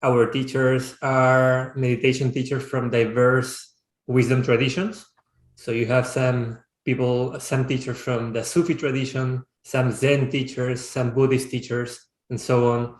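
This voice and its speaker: A man in his thirties from Peru, a startup founder, answering interview questions reflectively and often pausing to restart his sentences. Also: medium pitch, little pitch movement. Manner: reflective, searching for words with frequent restarts. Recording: roomy, echoey sound.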